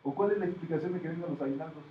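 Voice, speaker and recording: A man's voice: fairly high pitch, very fast. A man teaching a metaphysics class, explaining and asking his students questions. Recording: echoey room, distant, dull, faint noise.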